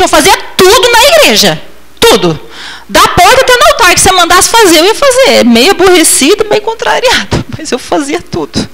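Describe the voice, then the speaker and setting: A high-pitched woman preaches a heartfelt testimony from the pulpit. Her voice leaps up and drops low, loud one moment and hushed the next, as she acts out her own past replies. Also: poor audio. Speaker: missionary preacher. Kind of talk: testimony sermon.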